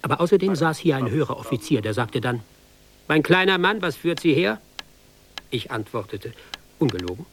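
A man's voice: a little high, sing-song, fairly quick. An actor playing a hapless young army recruit, reciting his tale in ironic, sing-song rhyme for a radio play. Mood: sardonic.

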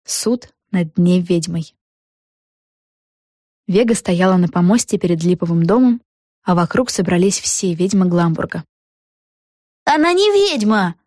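A woman narrating a children's storybook in a clear, even storytelling style. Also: fairly low pitch, unhurried, long pauses, no room sound, clean studio sound. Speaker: audiobook narrator.

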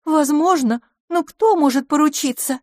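A woman reading an audiobook, voicing a glamorous, bubbly young woman in a high, lilting, playful voice. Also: normal speed, a little mellow, dry recording, clean studio sound, lightly acted. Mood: coquettish.

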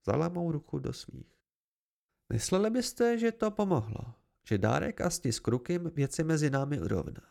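A man's voice: on the high side, very animated, gravelly, a little mellow. A man giving an amateur first-person novel narration, reading expressively. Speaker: audiobook reader.

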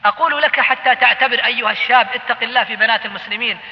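A man's voice: extremely high pitch, racing. A man preaching a sermon, admonishing and telling cautionary stories with passion. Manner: impassioned, admonishing storytelling. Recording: lo-fi recording in a reverberant hall.

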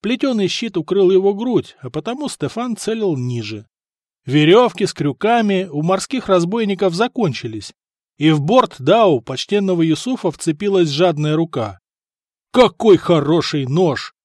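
A man reading an adventure audiobook as narrator, in a lively, dramatic way. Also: sits high, normal speed, no room sound, studio quality. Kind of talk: scripted narration.

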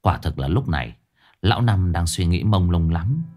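A man narrating a ghost story as an expressive storyteller. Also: low voice, normal speed. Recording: soft background music.

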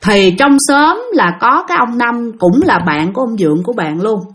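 Woman storyteller, higher voice, very animated pitch. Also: moderate pace. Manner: chatty, addresses listeners directly. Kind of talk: casual ghost-story narration.

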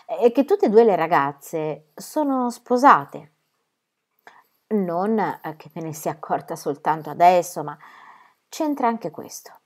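A woman's voice: fairly low pitch, expressive, takes it slowly, darkish tone. A woman voicing a forty-seven-year-old spinster aunt who talks in a hesitant, pleading way.

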